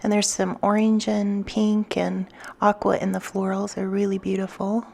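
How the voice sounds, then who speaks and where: A woman with a noticeably creaky voice narrates a craft tutorial in a casual, chatty way. Her pitch is mid-range and stays fairly even. She explains each small step as she works. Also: normal speed. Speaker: craft vlogger and design team member.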